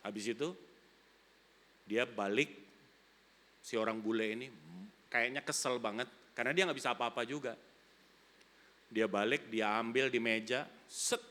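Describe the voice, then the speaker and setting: A man with an Indonesian accent preaching a sermon, moving from loud, emphatic declarations to quiet, chatty storytelling, with English phrases mixed in. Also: mid-range voice, moderate pace, long pauses, in a large hall. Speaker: pastor. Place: large church hall.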